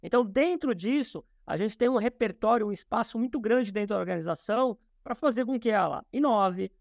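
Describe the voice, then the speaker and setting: A man's voice: high-pitched, animated, a little fast, creaky, no echo, studio quality. A man from Brazil, a podcast guest, explaining ideas in a thoughtful way with many fillers and restarts, speaking from his office over a video call. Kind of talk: explanatory interview talk.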